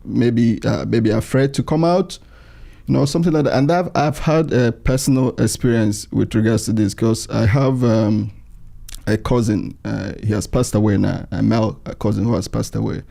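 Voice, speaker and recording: A man's voice: fairly low pitch, normal speed, creaky, dark tone. A man from Nigeria, hosting an interview in a hesitant, conversational way. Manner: hesitant, many fillers. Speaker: podcast host.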